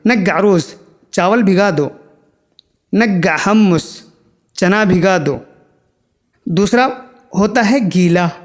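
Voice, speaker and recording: Slow, high-voiced man teaching Arabic. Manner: drills words by slow repetition. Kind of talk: language lesson.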